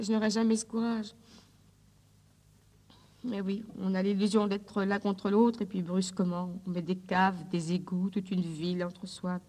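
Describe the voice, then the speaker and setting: A woman's voice: mid-range voice, darkish tone, natural voice. An actress plays an abandoned woman clinging to a phone call with her departing lover. She speaks in an intimate, pleading, fragile way in a mid-range voice. The old 1950s recording carries a long, echoing reverb. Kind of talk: 1950s recorded drama monologue.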